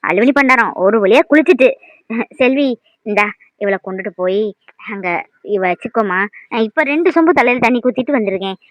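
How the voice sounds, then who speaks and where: A woman voicing a bossy young mother in a cartoon who scolds and threatens in loud bursts. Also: a little high, lively intonation, a little fast, pauses often, no room sound, close to an everyday voice, poor audio. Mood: chatty.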